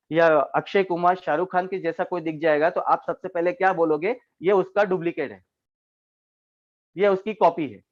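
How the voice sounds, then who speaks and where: A man with a high voice leads a training session over a video call and explains each point patiently, turning to his listeners as friends again and again. The audio sounds dull and lo-fi. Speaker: network marketing trainer. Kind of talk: online training talk.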